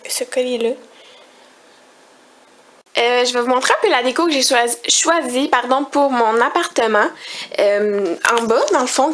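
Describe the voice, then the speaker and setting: A woman's voice: on the high side, a bit bright, a little hiss or hum. A young woman with a Quebec French accent chatting casually in a home vlog, rambling and complaining with disgust. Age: young adult. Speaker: vlogger.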